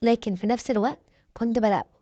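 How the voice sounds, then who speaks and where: Fast-talking Egyptian woman telling a story. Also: on the high side, fairly even intonation, warm tone, no room sound, dull audio. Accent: Egyptian Arabic. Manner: earnest, confessional. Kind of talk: dramatic first-person story narration.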